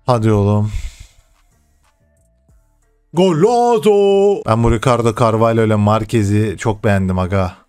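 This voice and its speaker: A young man commentating his own football video game live, excitable, shouting and swearing at the game over background game music. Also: fairly low pitch, fast talker, hardly any pauses, clear, resonant tone. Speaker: gaming streamer.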